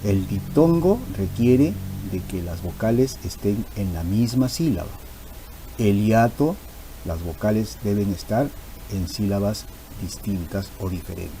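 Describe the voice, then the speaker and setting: Patient lower-voiced male teacher. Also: animated, measured pace, warm tone, soft background music, low-quality recording. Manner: patient, repeats key terms for emphasis. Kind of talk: explanatory grammar lesson.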